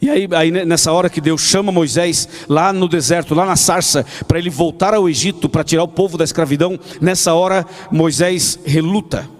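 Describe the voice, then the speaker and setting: Brief: pastor, chatty storytelling sermon full of rhetorical questions, slightly high voice, long hall reverb. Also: male voice, a little fast, hardly any pauses. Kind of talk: evening prayer sermon.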